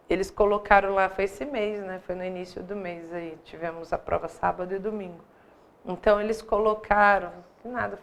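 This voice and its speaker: A woman's voice: mid-range voice, vocal fry. A woman with a Brazilian accent teaching a live online grammar class, in a conversational manner with many rhetorical questions. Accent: Brazilian Portuguese. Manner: conversational, asks rhetorical "né?" often.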